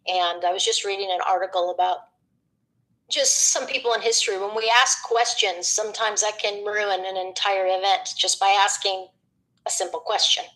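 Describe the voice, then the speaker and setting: A middle-aged woman, a former radio DJ, talking as a guest in a rambling, animated way, acting out what people said to her. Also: medium pitch, normal speed, rough recording. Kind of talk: reflective conversational chat.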